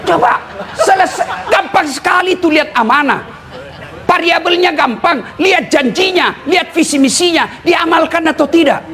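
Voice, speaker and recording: A man from eastern Indonesia with a lilt, preaching a humorous sermon to a live audience, teasing and often shouting and laughing. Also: very high voice, lively intonation, moderate pace, some chatter behind. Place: live event before an audience.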